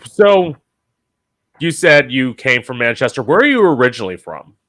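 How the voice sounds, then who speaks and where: A man hosts a podcast with a bright, forceful voice. He asks his guest questions with curiosity and shares his own story in turn. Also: mid-range voice, sing-song, moderate pace. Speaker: podcast host. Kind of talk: interview chat.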